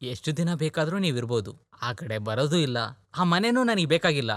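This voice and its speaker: A man's voice: a little high, expressive, brisk, fairly bright tone, no room sound, studio quality. A man voicing a worried, caring older brother in a dubbed film, speaking earnestly and coaxing. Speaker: film character in a dub.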